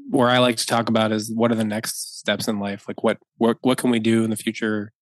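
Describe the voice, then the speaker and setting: A wedding photographer in his thirties chats as a guest on a casual podcast, rambling with plenty of fillers and restarts and laughing easily. His voice is on the low side with a level tone, he talks a little fast, and the recording is dry.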